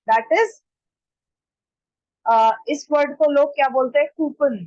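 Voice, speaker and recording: A woman teaching pronunciation in an online class. She repeats each word slowly and deliberately, mixing Hindi and as she explains. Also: sits high, no echo, lo-fi sound. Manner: slow, deliberate repetition of words to model pronunciation. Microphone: computer mic during a screen-shared online class.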